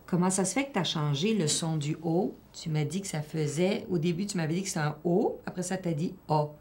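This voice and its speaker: A woman's voice: on the low side, brisk, a little mellow. A woman teacher, patiently questioning and encouraging a child during a one-on-one reading assessment.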